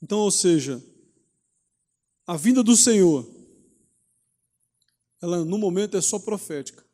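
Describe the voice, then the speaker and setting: High-voiced pastor in an echoey hall. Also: male voice, animated, measured pace, dark tone. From Brazil. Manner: conversational preaching, asks rhetorical questions, frequent "né?". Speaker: pastor teaching a Bible study. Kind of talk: sermon teaching.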